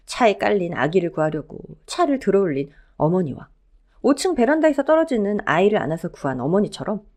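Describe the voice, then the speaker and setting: A woman narrating a dramatic story in the first person as a widow, in an expressive, scripted storytelling manner. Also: mid-range voice.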